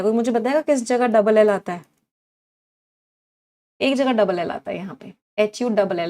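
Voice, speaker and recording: A woman teaching an online English vocabulary class, repeating her cues and asking her students questions. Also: on the high side. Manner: drills words aloud with repeated cues, asks students questions.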